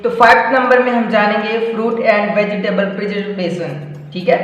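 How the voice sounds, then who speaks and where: A man's voice: high voice, normal speed, fairly bright tone. A male teacher giving a live online exam-prep lecture, explaining step by step, often checking in with "theek hai" and asking his students rhetorical questions. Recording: very echoey room with long reverb and faint music.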